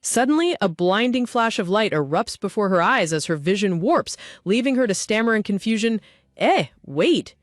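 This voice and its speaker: A woman narrates a dramatic comic recap in scripted storytelling style. Her pitch moves a lot from line to line, and the recording is dry and close. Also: expressive, brisk, few pauses, no echo.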